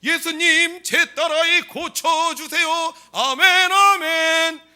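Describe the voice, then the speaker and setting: A man's voice: extremely high pitch, steady tone, slow pace, bright, forceful tone, soft background music, voice pushed up, heavily acted. A man voicing a desperate mother who cries out and begs for her sick daughter. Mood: pleading. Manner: pleading, crying out.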